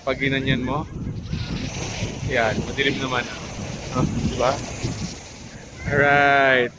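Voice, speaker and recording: On a sunset beach, a man with a slow, medium-pitched and fairly flat voice narrates a casual vlog into a handheld camera. He's chatty, and he lifts his voice to coo at and tease a baby. The sea and surf fill the background, with wind and wave noise on the recording.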